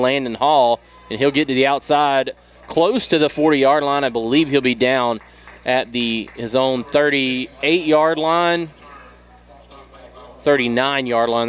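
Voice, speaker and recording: A man with a Southern US accent calling play-by-play for a high school football game in a steady, measured way. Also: smooth. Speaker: play-by-play announcer.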